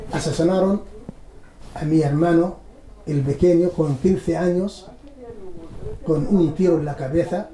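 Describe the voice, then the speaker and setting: Middle-aged man, dark gravelly tone, slow halting testimony, roomy echo. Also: a little high. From Palestine. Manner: measured, halting, with pauses. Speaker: documentary interviewee. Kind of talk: personal testimony. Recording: roomy echo, faint background hum.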